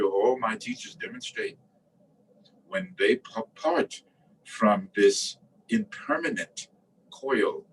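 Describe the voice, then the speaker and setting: A man giving a calm, meditative Buddhist teaching, guiding listeners with pauses. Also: on the low side, creaky. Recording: distant mic with faint ambient noise.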